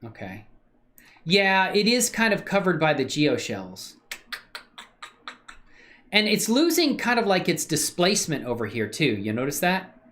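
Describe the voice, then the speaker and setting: Speaking at a measured pace with frequent pauses, a man with lively pitch thinks aloud during a 3D modeling livestream. He mutters as he works, answers chat, and keeps it relaxed and slangy with lots of fillers.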